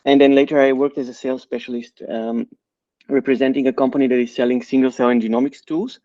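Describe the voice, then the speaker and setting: Middle-aged man from Bulgaria, CEO, explanatory and measured, dry slightly dull recording. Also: mid-range voice, fairly even intonation, warm tone, no room sound. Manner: measured, explanatory, with frequent fillers. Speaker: company CEO and co-founder. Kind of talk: interview answers.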